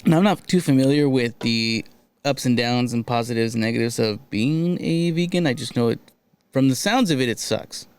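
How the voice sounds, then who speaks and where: A young man co-hosting a podcast in casual chat, laid-back and quick with agreeing replies. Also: medium pitch, smooth. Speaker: podcast co-host.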